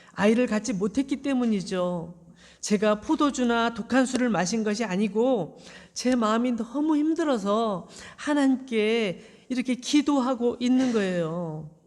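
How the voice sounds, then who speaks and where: A woman's voice: on the high side, lively intonation, a little slow, darkish tone. A heartbroken young wife played by a woman preacher pleads earnestly in a Bible story told from the pulpit. Long church reverb lingers around each phrase.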